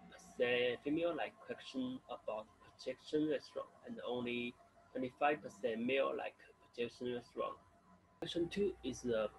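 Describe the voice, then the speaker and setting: A young man walks through survey results for a class presentation on a webcam. He halts often and fills pauses with hesitations. A faint hum is behind him. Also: medium pitch, low-quality recording. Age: young adult. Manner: halting, with many "uh" fillers. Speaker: student presenter.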